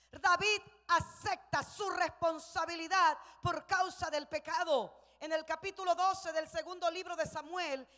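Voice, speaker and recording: A woman pastor preaching a sermon, telling the story with passion and rising to shouts. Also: extremely high pitch. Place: church sanctuary. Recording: long church hall reverb.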